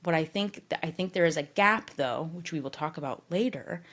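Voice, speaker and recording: A woman guest on a podcast with a slightly low voice. She explains her ideas with animated, casual energy and scatters filler words through her talk. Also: a little fast. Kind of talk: conversational interview.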